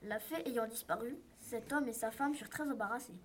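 A woman narrating a fairy tale in a clear, measured storytelling manner. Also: fairly high pitch, slight background noise.

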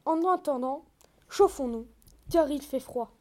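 A woman's voice: high-pitched, a little slow, darkish tone. A woman voicing a poor, cautious husband in a storybook reading, earnest and pleading. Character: poor cautious husband, sensible yet quick-tempered.

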